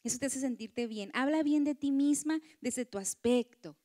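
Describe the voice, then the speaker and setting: A woman's voice: high-pitched, moderate pace. A woman giving a motivational talk to women, often asking the audience for agreement. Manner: warm lecturing, acts out quoted voices, asks audience. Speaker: conference speaker.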